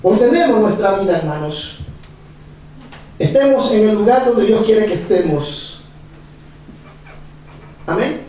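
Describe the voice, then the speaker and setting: A male pastor preaching a sermon, animated and repetitive, chuckling as he speaks. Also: sits high, slow, long pauses, a little hiss or hum. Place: church hall. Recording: echoey church from far off.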